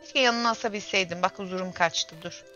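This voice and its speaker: Bright-voiced young woman chatting on stream. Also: mid-range voice, fairly quick. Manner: chatty, exclaims and grumbles to herself while playing. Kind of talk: casual gameplay livestream chat. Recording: dull lo-fi stream audio with faint game music.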